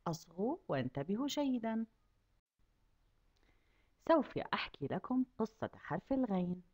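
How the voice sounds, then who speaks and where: A woman teaching a kindergarten class, asking the children questions and drawing out each word slowly so they can repeat it. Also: on the high side, a little mellow. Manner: asks children questions and stretches out words slowly to model them. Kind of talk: lesson for young children.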